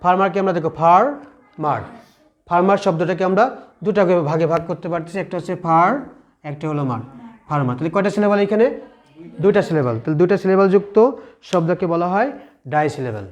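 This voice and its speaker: High-voiced male English teacher. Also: a little fast, dull audio. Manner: repetitive question-and-answer teaching. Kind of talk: classroom lesson.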